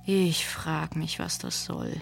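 Woman reading a relaxed teasing brother. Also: deep voice, slow, creaky, slight background noise, full character voice. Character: young adult man, sarcastic-easygoing brother.

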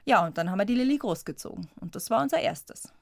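A woman's voice: mid-range voice, expressive, fast talker, vocal fry, dry recording, studio quality. A woman from the Munich area, a guest in a radio interview, telling her story in a chatty way and laughing often. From Munich area, Germany. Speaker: guest, squirrel rescuer.

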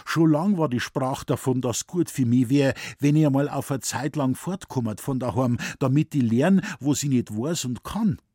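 A man's voice: mid-range voice, moderate pace, few pauses, warm tone, husky, no echo, studio quality, natural voice. A man reading a story, voicing an earnest young village girl in dialect.

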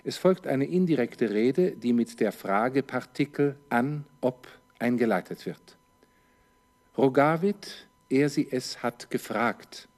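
Slow deliberate guy explaining latin grammar, asks a question then answers it. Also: medium pitch, animated, a little mellow. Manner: methodical, poses questions and answers them; parses grammar line by line. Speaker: Latin teacher. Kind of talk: slow step-by-step translation lesson.

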